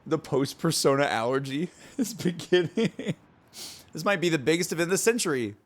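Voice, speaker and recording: A man's voice: fairly high pitch, expressive, normal speed. A man streaming a game, chatting casually and rambling to his chat. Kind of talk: casual gameplay commentary.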